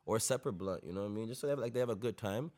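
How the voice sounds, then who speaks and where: A man's voice: lowish voice, very fast, warm tone. A young adult man, telling stories casually in street slang and repeating tag phrases. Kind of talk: casual anecdotal chat.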